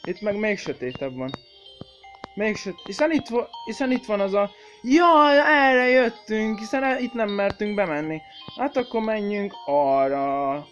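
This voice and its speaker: A man's voice: high-pitched, highs cut off. A man hosting a horror game let's play, swearing, jumpy and shrieking whenever something startles him, and chatting to viewers he calls kids. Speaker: gaming channel host.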